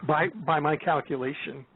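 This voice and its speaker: Man in his seventies, slightly higher voice, halting with restarts, phone-line sound. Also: steady tone, vocal fry, husky. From United States. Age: 70s. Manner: halting, many restarts and fillers. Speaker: guest. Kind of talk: casual chat.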